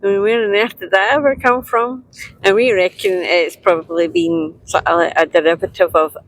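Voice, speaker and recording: A woman's voice: medium pitch, steady tone, a little hiss or hum, poor audio. A woman musing in casual chat as a passenger on a road trip. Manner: musing, unhurried. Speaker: passenger and co-host. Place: inside a moving car.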